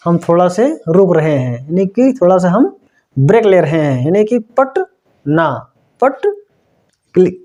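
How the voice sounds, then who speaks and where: A middle-aged man teaching a language lesson slowly and patiently, repeating each step and checking that the learners understood. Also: high-pitched, a little mellow. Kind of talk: slow blackboard-style language lesson.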